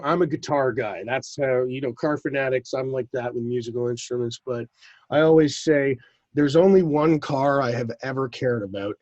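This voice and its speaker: A man's voice: mid-range voice, no echo, lo-fi sound. Chatty enthusiastic man, dry close mic. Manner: chatty, enthusiastic, quick asides. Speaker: podcast co-host. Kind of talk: casual film talk.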